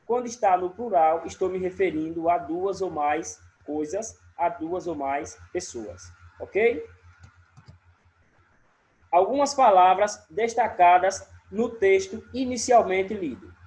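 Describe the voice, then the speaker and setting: A man with a Sergipe Brazilian accent teaching a recorded remote lesson, explaining step by step and often checking in with a quick question. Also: sits high, a little mellow.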